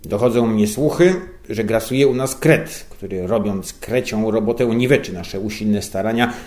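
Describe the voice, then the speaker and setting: A man's voice: on the low side, moderate pace, a little mellow, lightly acted. A man voicing a pompous, condescending male boss who complains a lot.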